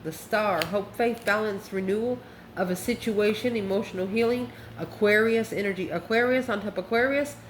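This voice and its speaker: Calling her listeners by pet names, a channel host reads tarot informally, sounding folksy and emphatic. Her voice sits in the middle range and moves at a normal pace. Faint background noise and roomy echo color the audio.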